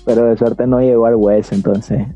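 A man's voice: medium pitch, normal speed, muffled recording, soft background music. A young man with a Nicaraguan Spanish accent telling a childhood story in a casual chat, acting out the voices of the people in it. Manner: animated, acts out voices in his story.

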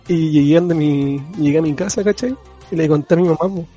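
Young man, Chilean accent, slightly high, husky, slangy animated storyteller, faint music behind. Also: normal speed. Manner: slangy, animated, laughs often while telling. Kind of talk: casual storytelling chat.

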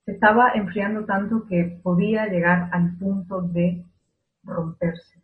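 A woman with a Spain Spanish accent preaches in a measured, reflective way, building her points through repeated rhetorical questions. The sound is thin and tinny, like it came through a phone line. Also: mid-range voice, flat delivery, slight background noise. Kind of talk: sermon.

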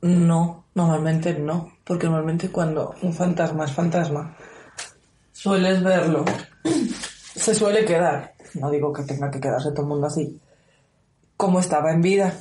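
A woman's voice: deep voice, a little slow. Chatty woman in an echoey room. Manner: lively storyteller, laughs often. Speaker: guest. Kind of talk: casual interview chat.

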